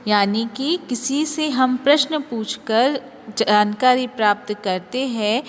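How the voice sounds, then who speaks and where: A woman teacher talks through a grammar lesson at an unhurried pace, spelling out each point with care. Her voice trails off into a long reverb, and faint ambient noise sits under it. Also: fairly high pitch. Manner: slow, careful explaining, reads example sentences aloud.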